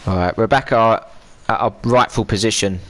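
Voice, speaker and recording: A man's voice: on the low side, brisk. A man chatting loosely through live gameplay as a streamer, rambling and breaking off mid-sentence. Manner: rambling, chatty, self-interrupting. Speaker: gaming streamer.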